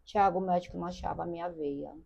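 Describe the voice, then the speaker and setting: A woman's voice: fairly low pitch, steady tone, fast talker, vocal fry, mellow, a little hiss or hum. An older woman with a Brazilian Portuguese accent, a guest telling a personal story earnestly, repeating phrases and addressing the host by name. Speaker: interview guest. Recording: dull lo-fi sound.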